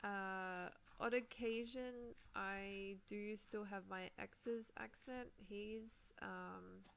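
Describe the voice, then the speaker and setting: Her medium-pitched voice goes very slowly, with vocal fry, fairly even intonation and a slightly bright tone. A young Minecraft streamer from New Zealand with a sore throat that's healing, she rambles casually during live gameplay, using fillers and laughing often.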